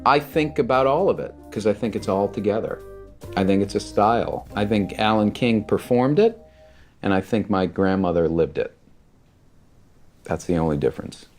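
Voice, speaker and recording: A man's voice: on the low side, normal speed, darkish tone, soft background music. A man being interviewed for a documentary who speaks wryly and makes emphatic comparisons.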